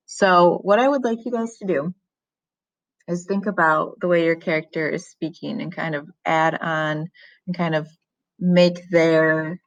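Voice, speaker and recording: A woman's voice: sits low, dry recording. A woman teacher giving a recorded writing lesson, explaining casually with frequent ums.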